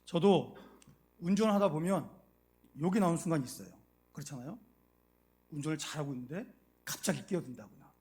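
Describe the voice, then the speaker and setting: A man with a fairly high voice preaching a Sunday sermon. He acts out short everyday exchanges and keeps turning to the congregation with questions. His volume swings between soft asides and loud, emphatic lines. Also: animated, a little fast, long pauses. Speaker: pastor.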